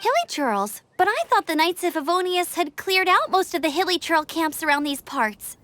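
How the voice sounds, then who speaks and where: A woman voicing an eager, confident young female scout in a game, talking briskly. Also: very high voice, sing-song, fairly bright tone, a little hiss or hum, full character voice. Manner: brisk, self-assured. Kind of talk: game voice acting. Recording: game audio with music behind.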